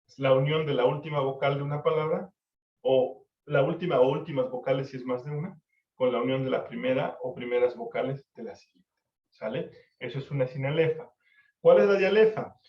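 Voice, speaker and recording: A male literature teacher, lecturing an online class, counting syllables slowly and checking for understanding. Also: mid-range voice. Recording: echoey, distant, dull-sounding mic.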